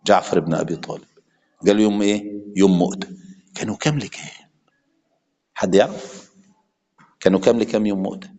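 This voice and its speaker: A man with an Egyptian accent preaches passionately, talking fast in a warm, lowish voice and pausing often. He moves between classical and colloquial Arabic, and the sound carries a long hall reverb.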